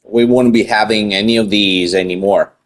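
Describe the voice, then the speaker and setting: A man's voice: fairly low pitch, steady tone, moderate pace. A man in his thirties hosting his own channel, chatting casually and rambling with restarts. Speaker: channel host. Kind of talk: casual vlog chat.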